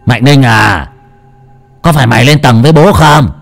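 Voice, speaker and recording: A man's voice: mid-range voice, normal speed, gravelly, faint music behind. A man doing a nervous old father calling out. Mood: uneasy calling. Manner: anxious, coaxing calls.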